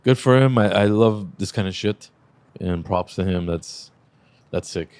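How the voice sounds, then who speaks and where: A man hosting a car podcast in casual chat, relaxed and swearing freely, laughing often. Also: low voice, unhurried, clean tone. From Lebanese Armenian family. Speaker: podcast host.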